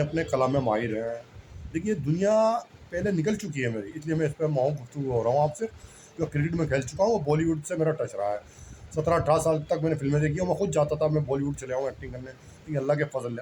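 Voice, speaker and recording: A man's voice: fairly high pitch, warm tone, slight background noise, low-quality recording. A man talking in a casual, rambling monologue, humbly repeating himself and often addressing the listener as brother. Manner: rambling, repeats himself, keeps saying "bhai sahab"; humble, self-deprecating. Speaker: religious speaker.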